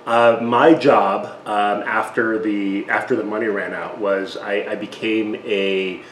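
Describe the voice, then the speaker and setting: A man's voice: fairly low pitch, steady tone, slow pace. A middle-aged man from Taiwan, a guest in an interview, talking in a self-deprecating way with many restarts. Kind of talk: casual interview. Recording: echoey room with faint noise.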